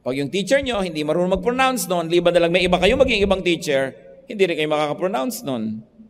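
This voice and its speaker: Male pastor mid-sermon, raised voice, shifts from hushed to emphatic; long hall reverb. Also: sits high, very animated, quick pace. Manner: preaching in Tagalog mixed with English, swinging from soft to emphatic.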